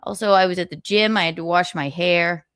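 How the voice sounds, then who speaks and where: A woman's voice: fairly low pitch, steady tone, brisk, a bit bright, clean tone, no echo, clean studio sound. A woman hosting a casual gossip livestream, chatting in a sassy, theatrical, giggly way. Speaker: live stream host.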